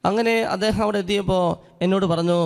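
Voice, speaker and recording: Man preaching, gravelly high voice, acts out quoted speech, echoing hall. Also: steady tone, fast. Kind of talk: sermon with a personal story. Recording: long hall reverb.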